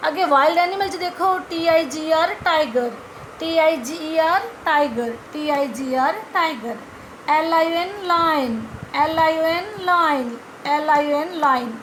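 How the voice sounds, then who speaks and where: A woman's voice: high voice, unhurried, fairly bright tone, a little hiss or hum, poor audio. A woman teaching young children, spelling words letter by letter in a patient, repetitive way. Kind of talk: classroom vocabulary lesson.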